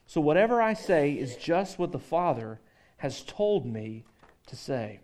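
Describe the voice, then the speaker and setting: A man's voice: on the high side, big pitch swings, unhurried, a little mellow. Man preaching a conversational sermon. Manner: conversational, joking with the congregation, frequent restarts; reads scripture aloud. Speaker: pastor.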